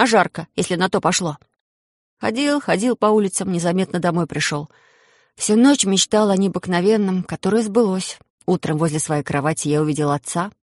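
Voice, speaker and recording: Dry, close storybook narrator. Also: no echo. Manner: acts out the characters' lines with shifts in pitch and pace. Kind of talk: storybook reading.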